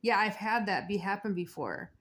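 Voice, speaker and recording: A woman's voice: mid-range voice, expressive, normal speed, fairly bright tone, slight background noise. A woman in casual chat who speaks hesitantly, leans on fillers and agrees easily.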